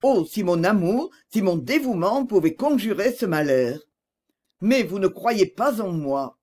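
A woman's voice: mid-range voice, animated, unhurried, darkish tone. A woman reading an audiobook voices a passionate young man who speaks reproachfully. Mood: tender.

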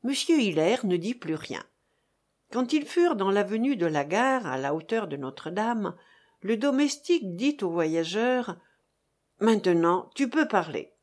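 A woman reads a novel aloud as an audiobook narrator, measured and expressive. Her pitch moves a lot, giving the story a lively rise and fall. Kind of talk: scripted narration.

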